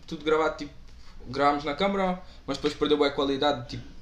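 A man's voice: on the high side, quick pace, dull audio. A young man, chatting casually as an interview guest in slangy, hesitant, repetitive phrases. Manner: slangy, hesitant, repeats himself. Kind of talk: casual chat. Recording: echoey room.

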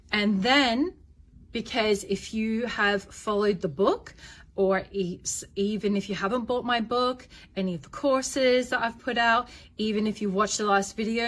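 A woman coaching parents in an instructional talk, firm and direct, repeating key points for emphasis. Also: medium pitch.

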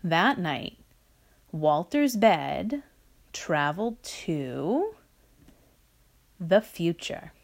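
Female storyteller, unhurried read-aloud, very lively pitch, children's book. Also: vocal fry. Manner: slow, expressive read-aloud delivery.

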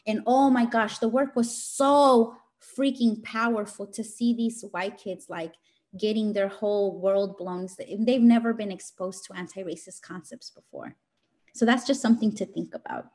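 A woman gives an informal motivational talk, her fairly high voice emphatic and scolding like a teacher's. She speaks directly and colloquially.

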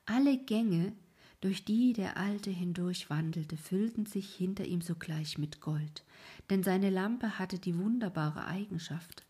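A woman's voice: on the low side, husky. Woman whispering a fairy tale. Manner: soft, hushed, mostly whispered. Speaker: narrator. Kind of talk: whispered storytelling.

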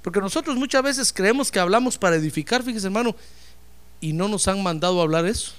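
A man's voice: high-pitched, lively intonation, quick pace, a bit bright, clear, resonant tone. A man preaching a fervent sermon, often addressing listeners as brother and acting out dialogue.

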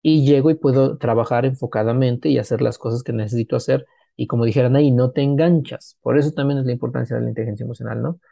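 A man's voice: medium pitch, fast talker, gravelly, no echo. A middle-aged man, a consultant talking casually on a podcast and acting out the people in his stories. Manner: animated storyteller, acts out quoted dialogue. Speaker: business consultant, podcast guest.

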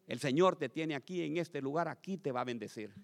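A man preaching a lively sermon to his congregation as pastor, swinging from loud calls to quiet asides and asking the crowd questions. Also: on the high side, a little fast, creaky. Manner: addresses congregation as brothers, asks questions.

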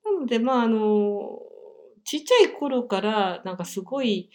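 Middle-aged woman guest, soft-spoken, mixed standard and Kansai speech, pitch moves a lot. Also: very animated. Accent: standard Japanese with some Kansai. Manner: gentle, reflective, many filler pauses. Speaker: podcast guest, workshop teacher. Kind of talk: casual interview chat.

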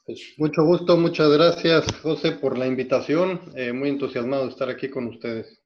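Mexican man, mid-pitched, steady and methodical, frequent restarts, dull lo-fi sound; podcast guest. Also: normal speed, a little hiss or hum. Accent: Mexican Spanish. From Mexico City. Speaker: guest, hospital executive. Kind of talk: podcast interview, recounting career.

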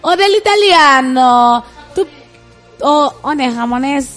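Chilean woman, morning radio host, high bright voice, playful and jokey, music faint underneath. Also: expressive, slow. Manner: playful, joking, rambling. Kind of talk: morning radio chat reading listener messages. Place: radio studio.

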